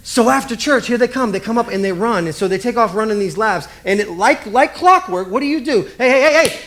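High-voiced man telling a comic sermon story. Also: animated, fairly quick, a bit bright, slight background noise. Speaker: pastor.

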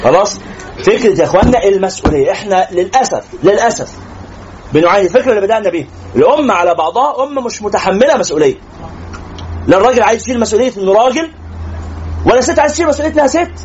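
A man's voice: high voice, highs cut off, slight background noise. A man with an Egyptian accent preaching to young people, joking and teasing the audience as he tells stories. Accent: Egyptian Arabic.

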